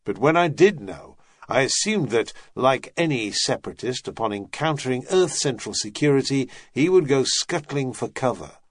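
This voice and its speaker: A man's voice: medium pitch, expressive, moderate pace, few pauses, no room sound, lightly acted. A man voicing a tired, blunt male security agent in an audiobook. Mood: weary. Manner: weary, blunt.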